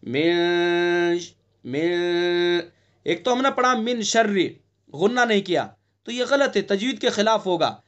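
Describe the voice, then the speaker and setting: A male recitation teacher giving an online lesson, explaining patiently and breaking into long drawn-out chanted recitation. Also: sits high, animated, a bit bright, dull audio. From India.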